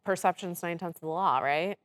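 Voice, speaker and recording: A woman hosting a podcast, speaking in a direct, animated way with frequent "like" and "right?" fillers, often laughing. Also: on the low side, fairly quick. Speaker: podcast host. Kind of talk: casual podcast conversation.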